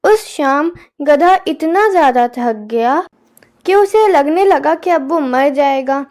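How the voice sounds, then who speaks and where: A woman with a high-pitched voice reads a children's folk tale aloud. Her narration is clear and steady, scripted and even-paced. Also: slow pace. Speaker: storyteller.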